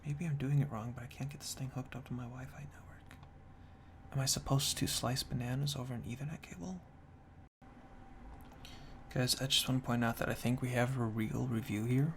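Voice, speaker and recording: A man whispering softly and close in a binaural ASMR style, reading reviews and commenting in a dry, deadpan way. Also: fairly quick. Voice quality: hushed, breathy whisper mixed with soft low murmur. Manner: dry, tongue-in-cheek deadpan. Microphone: binaural microphone, very close to the ears. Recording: close binaural ear-to-ear mic, faint noise.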